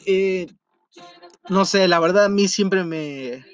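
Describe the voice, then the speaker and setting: A man's voice: slow, smooth, no echo, dull audio. A young man with a Mexico City accent casually telling a personal story, full of slang and frequent laughter. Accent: Mexico City Spanish. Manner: animated, slangy, laughs often, jumps to falsetto in retellings. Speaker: vlogger. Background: faint music.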